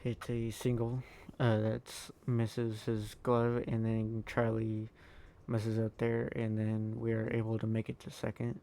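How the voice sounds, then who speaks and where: A man recording a tired, halting voice-over over his own sports video game footage, full of ums and uhs. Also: monotone, dark tone. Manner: low-key, halting, lots of ums and uhs. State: tired, yawning. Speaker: gaming YouTuber.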